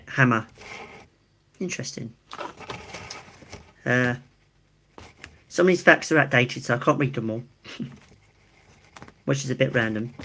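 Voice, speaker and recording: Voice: mid-range voice, fairly bright tone. Chatty live streamer with an Essex accent. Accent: Essex, England. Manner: chatty, informal, reacts to each fact with amused asides. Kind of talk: casual live stream, reading out fun facts and chatting.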